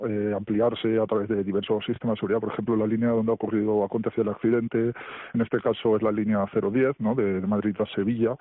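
A man, a train driver, speaking in a radio interview through a deep pitch-shifted voice disguise, halting and careful, often tagging questions onto his points. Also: level tone. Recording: dry, phone-like line.

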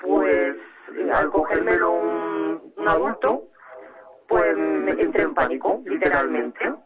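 Una mujer entrevistada en la radio como madre, con la voz distorsionada y bajada de tono para ocultar su identidad. Cuenta su historia con cuidado y vacila a menudo. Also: female voice, slow, muffled recording, loud music behind the voice. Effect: voice distorted and pitched down to hide her identity. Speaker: mother interviewed as radio guest. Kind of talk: personal account in a radio interview.

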